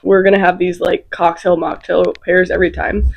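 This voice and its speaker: A woman's voice: on the low side, little pitch movement, moderate pace, vocal fry, phone-quality sound, slight background noise. A woman in her early twenties co-hosting a podcast, chatty and giggly, with lots of "like" in her casual talk. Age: young adult, early 20s. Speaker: podcast co-host. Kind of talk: casual chat.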